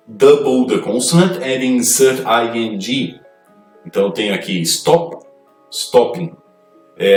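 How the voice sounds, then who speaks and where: A man's voice: medium pitch, recorded from a distance. Man teaching grammar in an echoey room. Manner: explains slowly, reading rules aloud in English then explaining them in Portuguese. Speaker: English teacher. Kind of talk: grammar lesson. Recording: echoey room, voice off-mic, faint music.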